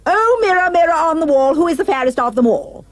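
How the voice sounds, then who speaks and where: Brief: vain, bloodthirsty storybook queen, high and furious, read by a woman. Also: animated, fairly quick, dry recording. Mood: shrieking. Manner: shrill, ranting, furious.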